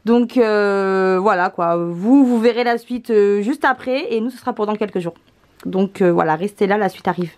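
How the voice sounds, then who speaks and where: A woman's voice: medium pitch, normal speed. A woman hosting a casual family unboxing vlog, talking easily with frequent hesitations and laughs. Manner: relaxed, many hesitation fillers, laughs often. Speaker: vlog host, mother presenting gifts.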